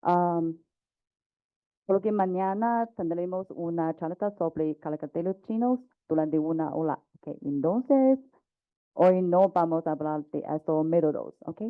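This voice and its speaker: A woman teacher with a Chinese accent giving a conference talk, speaking haltingly, mixing languages and often asking "ok?". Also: lowish voice. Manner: halting, mixes languages, frequent "ok?". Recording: tinny phone-like audio.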